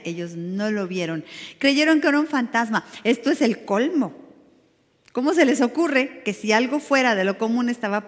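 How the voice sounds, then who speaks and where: Mexican woman pastor, mid-pitched, preaching with lively rhetorical questions; recorded in a church hall with long reverb. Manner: animated, rhetorical questions, dramatic emphasis. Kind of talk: sermon to a women's group.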